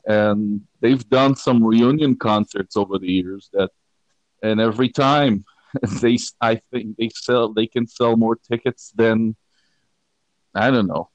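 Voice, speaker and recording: A man's voice: lowish voice, slow, dry recording, lo-fi sound. A man from Israel, a guitarist talking casually and with dry humor as an interview guest. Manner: relaxed, rambling, self-deprecating humor. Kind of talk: conversational interview.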